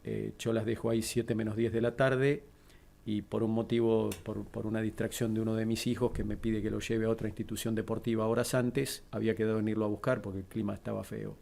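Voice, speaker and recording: Middle-aged argentine guy, low gravelly voice, steady and measured, telling what happened to him. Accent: Argentine Spanish. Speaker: interview guest. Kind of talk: recounting a personal tragedy.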